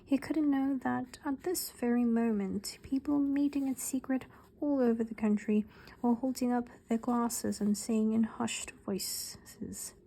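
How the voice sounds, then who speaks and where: Korean woman reading in a british accent, whispery asmr, mellow voice, a bit high. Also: fairly even intonation, measured pace, gravelly, a little hiss or hum, poor audio. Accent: British, put on. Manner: soft, half-whispered, with small restarts. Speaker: ASMR reader.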